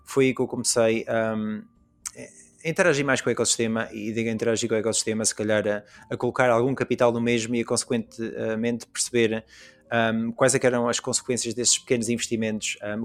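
A young Portuguese man with a European Portuguese accent, a podcast guest talking casually with many fillers and restarts. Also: medium pitch. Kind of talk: casual conversation.

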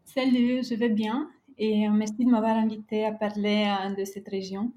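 A woman speaking as a podcast guest, telling a prepared personal travel story in a careful, halting way with frequent hesitations. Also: medium pitch, little pitch movement, warm tone.

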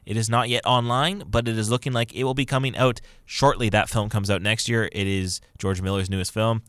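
Casting note: male podcast co-host with a lowish voice, upbeat news rundown, dry close sound. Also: steady tone, brisk, fairly bright tone, clean tone, dry recording. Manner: upbeat, reads news items off a list. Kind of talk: casual movie news chat.

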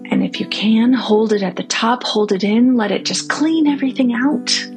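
Gentle woman guiding meditation over soft guitar. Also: a little high, moderate pace. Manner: gentle, reassuring, addressing listeners directly. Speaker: guided meditation host. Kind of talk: guided meditation for families and children.

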